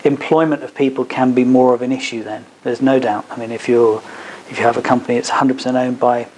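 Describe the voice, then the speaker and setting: Fast-talking with a level, slightly mellow mid-range voice, a man answers questions hesitantly and explanatorily as an advocate at a legal seminar in a business hub. The recording is rough, with faint background noise.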